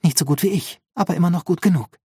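A man voicing Schwester Grob, a female nurse robot who speaks in a flat, toneless deadpan, in an audiobook. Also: high voice, fast, husky, no echo, clean studio sound, voice pushed up.

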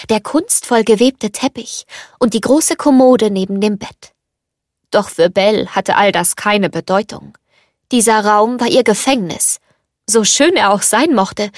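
A woman giving a calm, scripted storybook narration. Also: medium pitch, dry recording, clean studio sound.

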